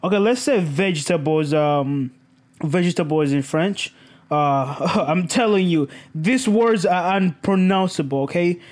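A man with a high voice hosts a podcast in loose, casual chat. He rambles and keeps ending his thoughts with "okay?", and his delivery stays animated. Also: unhurried. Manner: rambling, tags lines with "okay?"; laughs at himself, animated. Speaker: podcast host.

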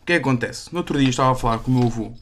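Rapid, animated young Portuguese man. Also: mid-range voice. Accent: European Portuguese. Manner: animated ranting storyteller. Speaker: podcast co-host. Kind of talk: casual podcast chat.

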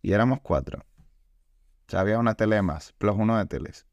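A man's voice: on the low side, moderate pace, no room sound. A man, co-hosting a comedy podcast and telling a childhood story with acted-out quotes. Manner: animated storyteller, acts out quotes. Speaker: podcast co-host. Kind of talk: casual comedic chat.

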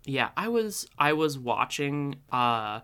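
Bright-voiced, playful man chatting. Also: medium pitch, sing-song, slow, clean tone. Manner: playful, riffs in silly voices, stammers on restarts. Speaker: podcast co-host. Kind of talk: casual chat.

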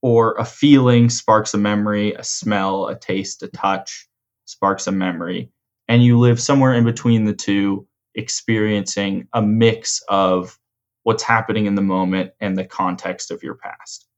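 A man in a conversational coaching role, explaining ideas in a measured way and rephrasing his points. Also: lowish voice, steady tone, muffled recording. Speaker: host and coach explaining mental frameworks.

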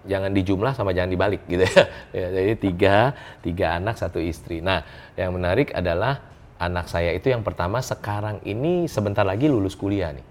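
A middle-aged man, a guest telling a personal story in an interview, animated and quick to laugh. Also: low voice. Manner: animated, laughs often, acts out dialogue.

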